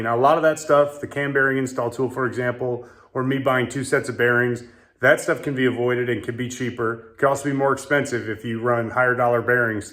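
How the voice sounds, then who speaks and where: A man with a mid-range, slightly bright voice hosts a laid-back car-build vlog. He builds the car himself and goes over the cost of each part in a plain, matter-of-fact manner.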